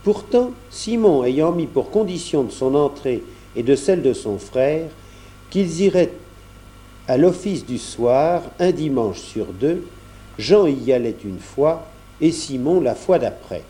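A man reading a novel aloud as narrator, in a measured storytelling manner. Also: fairly high pitch, animated, dark tone. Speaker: audiobook narrator. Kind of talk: scripted narration.

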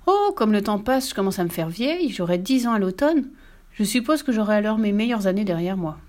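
A woman voicing a lively, boastful little girl who is very strong, in a storybook reading. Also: medium pitch, a little fast, lightly acted. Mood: playful. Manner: excited, exclamatory.

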